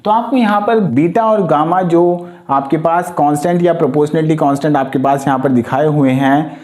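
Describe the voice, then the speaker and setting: A man's voice: a little high, fairly quick, a little mellow. A man teaching a lesson for competitive-exam students, explaining step by step and speaking directly to his students. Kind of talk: exam-prep lecture.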